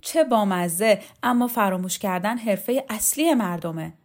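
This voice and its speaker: A woman's voice: mid-range voice, lightly acted. A woman reader voicing a sardonic woman veteran of the movement in an audiobook, speaking dryly. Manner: dry, mocking.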